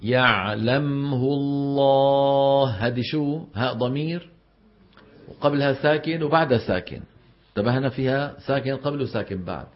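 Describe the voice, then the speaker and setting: A man teaching recitation rules to a class, questioning his students and reciting examples slowly. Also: mid-range voice. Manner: explains with frequent questions to the class. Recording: dull lo-fi recording.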